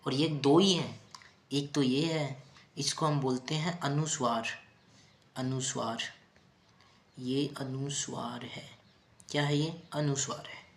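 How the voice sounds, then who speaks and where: A male teacher gives a grammar lesson at an unhurried pace, patiently repeating key terms and posing rhetorical questions to his students. His voice sits a little high with fairly even intonation, and the recording has a roomy echo.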